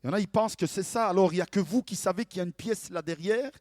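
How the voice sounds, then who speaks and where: A male pastor preaching a sermon in an animated way, swinging from hushed to loud and asking rhetorical questions. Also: high voice, racing, dry recording, clean studio sound.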